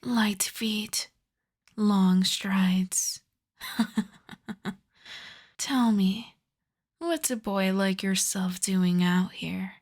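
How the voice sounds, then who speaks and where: A woman playing an ancient aristocratic vampire countess in an ASMR roleplay, soft and breathy with whispers, speaking in a refined, coy, teasing way. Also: mid-range voice, fairly even intonation, very slow, pauses often. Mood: coy, inviting. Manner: refined, coy, formal old-fashioned phrasing. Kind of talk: ASMR roleplay, slow intimate scripted monologue.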